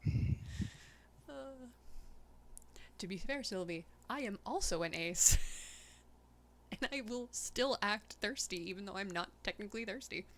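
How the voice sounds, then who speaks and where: A chatty woman plays through a game on stream and jokes with her co-host. Her voice sits mid-pitch, and a faint noise runs behind her. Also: measured pace, pauses often, a bit bright. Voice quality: laughs often, playful and chatty. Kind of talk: casual gameplay chat.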